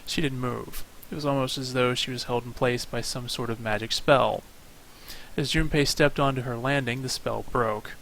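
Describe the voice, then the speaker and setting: A man's voice: medium pitch, fairly even intonation, moderate pace, creaky, fairly bright tone, slight background noise, poor audio. A man streaming, reading a game's story aloud with wry asides. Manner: wry asides between narration. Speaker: streamer reading a visual novel. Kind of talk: reading aloud with casual commentary.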